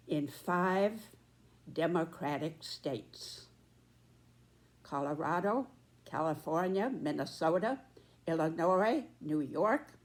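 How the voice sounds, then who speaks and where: A woman in her nineties giving a prepared political commentary, speaking deliberately and emphatically in short measured phrases. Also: sits low, a little mellow. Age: 90s.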